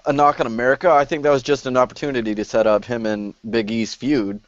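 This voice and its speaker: A man's voice: medium pitch, little pitch movement, quick pace, dry recording, muffled recording. A young man co-hosting a casual podcast, giving firm opinions and teasing his co-host. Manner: opinionated, teasing, trash-talking.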